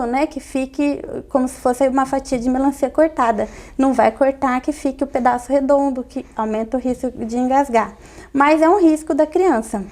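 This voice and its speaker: A woman pediatrician calmly explaining step by step in an interview, repeating key points. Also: high voice. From Brazil.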